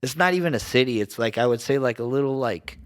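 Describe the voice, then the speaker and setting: A man's voice: mid-range voice, expressive, quick pace. A man from Southern California, a podcast guest, telling casual stories in a rambling, slangy way with lots of fillers and restarts. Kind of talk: casual storytelling.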